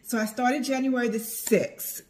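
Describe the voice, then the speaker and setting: Slow-paced middle-aged woman vlogger. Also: on the high side, fairly even intonation, poor audio. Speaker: vlogger, tax preparer. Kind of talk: casual chatty vlog to followers.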